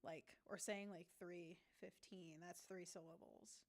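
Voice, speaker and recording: A woman's voice: on the low side, fairly even intonation, unhurried. A woman artist chatting casually while she draws on a stream, giggling often and rambling to herself. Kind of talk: casual chat while drawing.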